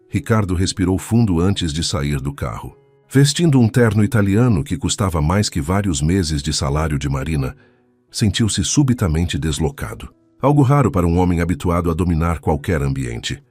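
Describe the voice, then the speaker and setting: A man narrating a scripted dramatic story in a measured way. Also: low-pitched, a little mellow, breathy edge, dry recording.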